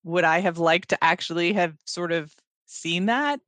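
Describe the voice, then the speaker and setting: A podcast co-host in a casual discussion, talking in an animated, quick way and often acting out quoted lines with a laugh. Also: medium pitch, no room sound.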